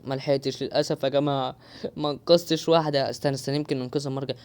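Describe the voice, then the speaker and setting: Rapid-fire Egyptian gamer man. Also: mid-range voice, steady tone, a little mellow. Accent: Egyptian Arabic. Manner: exclaiming, joking asides to viewers. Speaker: gaming YouTuber. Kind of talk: live gameplay commentary.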